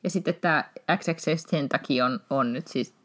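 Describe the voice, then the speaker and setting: A woman's voice: extremely low pitch, fairly bright tone. A woman hosting a podcast, chatting casually and laughing often, with frequent restarts. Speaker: podcast host.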